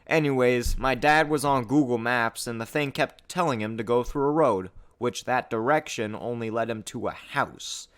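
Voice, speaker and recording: A man telling a travel horror story in a storytime narration, profane and animated, getting louder and higher at the scary parts. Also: moderate pace, few pauses, smooth. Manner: profane, animated storytelling that climbs loud and high at tense moments. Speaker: storytime YouTuber.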